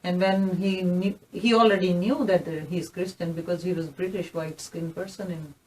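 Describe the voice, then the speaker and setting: A woman's voice: on the low side, steady tone, moderate pace, darkish tone. A woman in her fifties with a Pakistani accent, telling her story earnestly as an interview guest. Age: 50s. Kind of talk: recorded interview testimony. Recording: voice somewhat distant from the mic.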